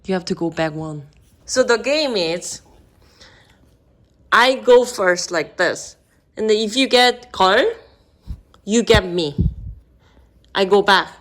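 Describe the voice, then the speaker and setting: A woman's voice: mid-range voice, animated, slow, pauses often, a bit bright. A Korean woman with an accent, a vlog host at home explaining food and a board game to her partner in simple, playful English. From South Korea.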